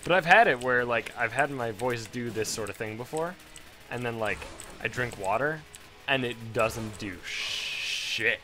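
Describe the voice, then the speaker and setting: A man's voice: mid-range voice, animated, a little slow, pushed and bright, soft background music. A man doing casual, crude gameplay commentary, rambling between topics, his voice strained and failing.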